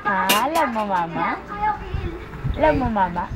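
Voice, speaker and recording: A woman's voice: medium pitch, very animated, takes it slowly, very noisy. A mother cooing at her baby in sing-song baby talk, repeating questions and laughing often, recorded at home on a camera. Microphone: handheld camera mic.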